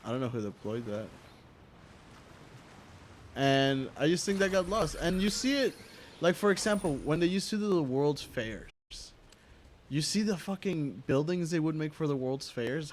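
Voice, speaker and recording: A man's voice: fairly high pitch, slight background noise. A young man from the United States, hosting a casual, profane opinion rant full of restarts and asides. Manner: profane, rambling, with many restarts and filler asides. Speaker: host.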